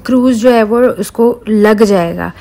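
A woman's voice: on the high side, unhurried. A woman in her thirties chatting to viewers in a casual travel vlog, recorded outdoors on a cruise ship deck with a handheld phone. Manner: chatty, excited, talks to viewers directly. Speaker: vlogger.

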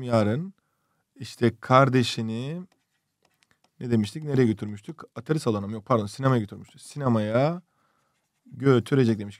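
A man's voice: mid-range voice, no room sound. Dry-voiced man teaching grammar. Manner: explains step by step with many rhetorical questions; reads out student questions from cartoons. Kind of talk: online exam-prep lesson.

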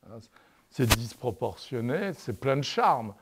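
A male lecturer giving a university lecture over slides. He tells a story in a halting way and keeps adding "n'est-ce pas?". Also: mid-range voice, big pitch swings, noisy background. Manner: hesitant, with many "euh" and restarts. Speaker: lecturer in artistic anatomy. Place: lecture room, commenting on projected slides.

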